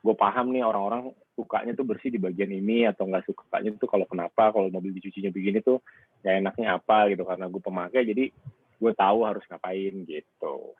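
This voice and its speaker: A man's voice: fairly low pitch, steady tone, fast talker, slightly rough. A man who owns a car wash, chatting casually in an interview over a call and rambling with plenty of fillers. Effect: heard over a phone line. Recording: narrow tinny phone-like sound, dry.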